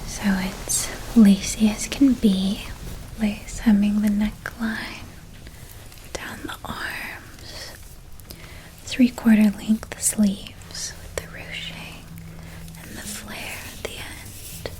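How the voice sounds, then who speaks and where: A woman plays a gentle, nurturing witch helping a young student pack, speaking entirely in a soft, breathy whisper in this intimate ASMR roleplay. Caring and doting, she takes her time and lingers on each small detail, staying gentle throughout. Her voice is mid-range with a level tone, and the audio quality is poor.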